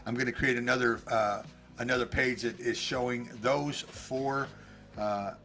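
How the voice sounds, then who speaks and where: A man's voice: mid-range voice, fairly even intonation, measured pace, pushed and bright, soft background music. A man co-hosting a casual live stream, rambling in a friendly way with many fillers and restarts. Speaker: co-host and life coach.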